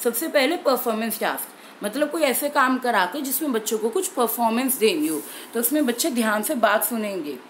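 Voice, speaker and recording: A young woman teacher explaining an exam-prep language lesson clearly and steadily, slowing down on key terms. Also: a little high, lively intonation, a bit bright, slight background noise, low-quality recording.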